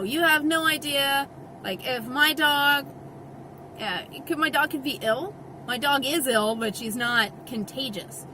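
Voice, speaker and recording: A woman's voice: high-pitched, bright, forceful tone, slight background noise. A woman vlogger ranting to camera in an exasperated, emphatic way, talking out of the side of her mouth with part of her face numb. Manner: exasperated, emphatic, acts out quoted voices. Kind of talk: casual rant to camera.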